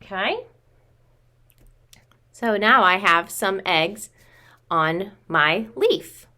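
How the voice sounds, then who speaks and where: A woman in her thirties, a preschool teacher, does a craft demonstration for young children in a small room at home, speaking simply and calling them friends. Her medium-pitched voice is expressive, pushed and bright, and her pace is extremely slow.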